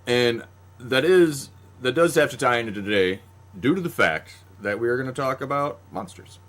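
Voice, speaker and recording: A man's voice: medium pitch, animated, moderate pace, a bit bright. A man in his thirties hosting a podcast, rambling casually and laughing often as he jokes. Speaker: podcast host. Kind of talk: casual chat.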